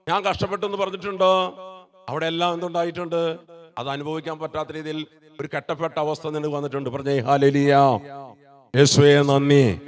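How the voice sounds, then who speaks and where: A preacher in full call-and-response mode, throwing questions to the congregation and pressing them to answer aloud. His voice sits a little high for a man. He repeats key phrases and pushes the crowd to echo them. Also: a bit bright. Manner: exhorts the congregation to repeat after him; asks the crowd questions and prompts replies.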